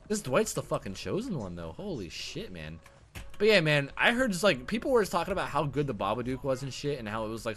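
Young male streamer, lively pitch, curses freely, loud bursts then low mumbles, faint noise behind. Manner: excitable and profane, swings between loud outbursts and low mutters. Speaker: streamer playing a survival horror game. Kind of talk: live-stream gameplay commentary.

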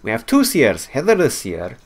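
A man's voice: medium pitch, wildly swooping pitch, moderate pace, husky. A man hosting a let's play, thinking aloud in casual gameplay commentary, swearing freely and laughing at his own mistakes.

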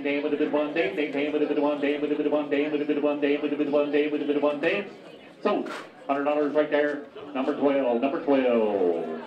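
A man auctioneering at a cake auction, rattling off bids in a rapid rhythmic chant. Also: a little high. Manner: rapid rhythmic bid calling. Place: large community hall with crowd. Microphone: handheld mic, heard from far. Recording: roomy distant lo-fi hall recording with crowd.

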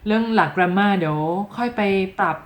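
A woman from Thailand giving a casual video lesson on English, speaking lively and straight to the viewer, and repeating example phrases slowly and clearly. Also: mid-range voice. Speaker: English teacher.

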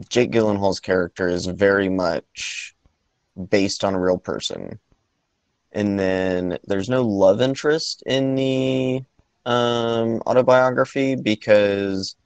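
A man chats slowly through a movie podcast, with frequent pauses and restarts. His voice sits very low and has a gravelly fry to it. The recording is dry and close. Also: dry recording. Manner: hesitant, many ums and restarts. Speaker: podcast co-host. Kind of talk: casual movie podcast chat.

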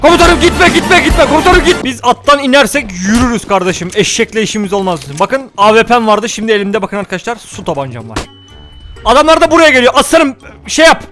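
A young man giving jokey, excitable commentary on his own gameplay, often shouting at other players during fights. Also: high-pitched, fast. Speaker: gaming YouTuber. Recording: game audio with music and gunfire behind. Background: music and gunfire.

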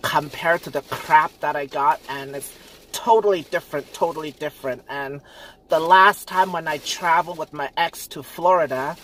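A man's voice: a little high, steady tone, moderate pace, pushed and bright, a little hiss or hum. A man from Canada hosting a casual eating vlog, chatty and giggly with cheeky jokes. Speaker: vlog host. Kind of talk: casual mukbang chat.

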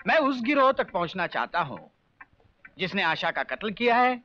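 An authoritative police officer gives orders and lays out a case in a bright, high, lively voice. The old film recording is dull, with a faint hiss behind it. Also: male voice, moderate pace, heavily acted. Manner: explaining, commanding. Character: calm male intelligence officer, authoritative.

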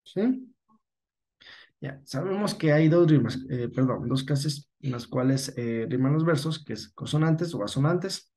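A man's voice: on the high side, expressive, unhurried, a little mellow. Patient male teacher, Ecuadorian Spanish. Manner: patient, corrects himself often, checks with "¿sí?". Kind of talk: online class lesson.

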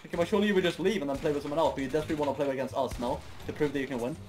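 A man's voice: a little high, racing, darkish tone. A British man hosting a gaming video, teasing opponents in voice chat and laughing through his jabs. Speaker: streamer and host. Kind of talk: mocking gaming banter in voice chat.

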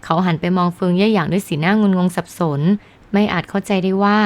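A woman calmly narrating a novel in a scripted audiobook reading. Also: medium pitch, fast.

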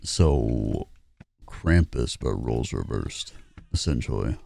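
A gaming streamer doing casual let's play commentary, joking and swearing freely. His voice is extremely deep and rough with fry, and his tone is dark and lively. Faint music plays behind him. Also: slow pace.

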